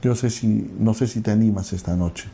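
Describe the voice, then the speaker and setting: Male pastor, gravelly and mellow, earnest sermon storytelling with a quiet prayerful close. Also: on the low side, moderate pace. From Peru.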